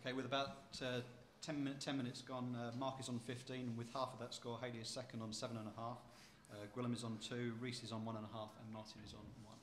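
A man keeping score at a quiz, announcing names and totals in a matter-of-fact way. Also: mid-range voice. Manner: flat, brisk score announcements. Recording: echoey room with faint noise.

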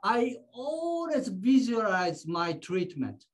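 High-voiced woman teaching very slowly. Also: sing-song. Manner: short phrases, acts out patients. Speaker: shiatsu teacher. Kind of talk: teaching through an interpreter.

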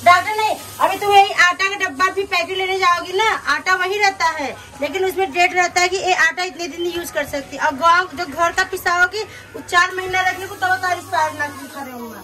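Brief: older woman, very high bright voice, explains calmly from across the room. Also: a little fast, hardly any pauses, distant mic, slight background noise. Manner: explains matter-of-factly, reassuring.

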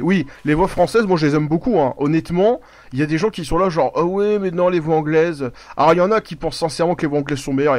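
A man's voice: on the high side, no room sound. A man giving casual live commentary over his gameplay, rambling, swearing a lot and breaking off to react to the game. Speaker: gaming YouTuber.

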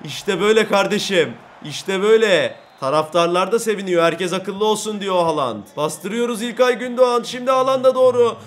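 Young male gaming creator, high-pitched, swings between loud excitement and frustrated muttering while playing. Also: normal speed, hardly any pauses. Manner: excitable, yells at goals and mistakes; frustrated grumbling at the game. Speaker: gaming YouTuber. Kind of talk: gameplay commentary.

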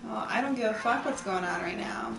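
A woman's voice: medium pitch, a little fast, vocal fry. A woman streamer joking and swearing as she plays a video game on a livestream. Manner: profane, playful, joking. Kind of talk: casual gameplay commentary. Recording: echoey, distant, noisy.

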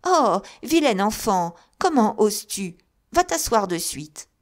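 A woman's voice: medium pitch, big pitch swings, slow. A woman reading aloud, putting on a haughty, imperious mother who scolds her child sharply. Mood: haughty scolding. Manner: sharp, indignant, commanding.

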